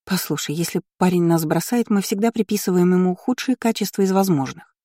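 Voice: medium pitch, brisk, warm tone, no room sound, clean studio sound, close to an everyday voice. A narrator voicing a curious, eager young noblewoman who gossips playfully with her friend. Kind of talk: audiobook character voice.

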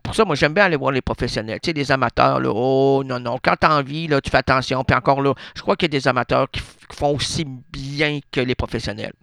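A man's voice: mid-range voice, fast talker, gravelly, hardly any pauses, sharp tone, dry recording, clean studio sound. A man with a Québécois French accent, a radio host telling a rambling comic monologue full of absurd asides and self-interruptions. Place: radio studio.

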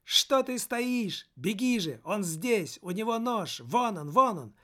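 A man voicing an agitated, frightened man who pleads and shouts warnings, in an audiobook reading. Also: high voice, slow pace. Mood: frantic. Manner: excitable, frantic warnings.

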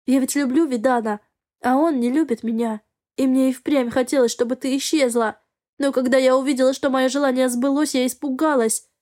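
A woman's voice: high voice, steady tone, a little fast, darkish tone, close to an everyday voice. A woman voicing a frightened, guilt-ridden young woman who pleads in a quavering, breathless voice. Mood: confessing.

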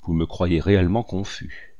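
A man voicing a wry, modest old hunter in a storybook reading, with a low voice. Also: steady tone, moderate pace, warm tone, lo-fi sound. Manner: amused, modest.

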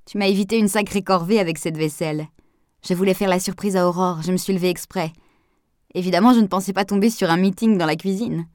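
A woman reading the lines of a cheerful, caring young woman in a novel, in a low, dry voice. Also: fast, darkish tone, no echo, lightly acted. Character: warm, lively young woman, Pascal.

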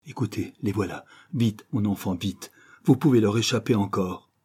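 A grave old professor, dying as he speaks, breaks his words into halting fragments, voiced by a man reading the story aloud. The voice is low, dark and husky. It comes across as a solemn storybook reading. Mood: urgent.

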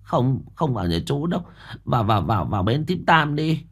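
A man's voice: mid-range voice, very animated, a little fast, breathy edge, voice pushed up. A man doing an anxious, bossy village woman. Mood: urgent. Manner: urgent, insistent.

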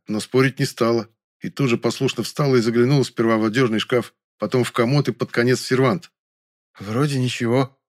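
A man narrating a first-person story as an audiobook, telling it in a steady storytelling voice. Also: on the low side.

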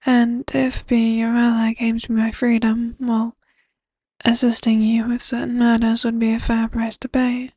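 A woman's voice: fairly high pitch, completely flat delivery, a little slow, dark tone, husky, dry recording, clean studio sound. A woman voicing a proud, scoffing male trickster god in a podfic reading, speaking haughtily as he bargains. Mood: haughty.

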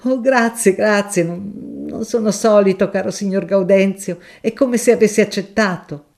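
A woman's voice: mid-range voice, moderate pace, darkish tone, pitched above the performer's own voice, natural voice. A woman voicing a mild, modest, bookish male professor, with a raised, polite and bashful manner.

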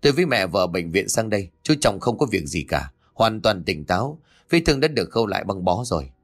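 A man's voice: low voice, very animated, brisk, heavily acted. A man voicing a hot-tempered young man defending his father. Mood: firm. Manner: angry shouting.

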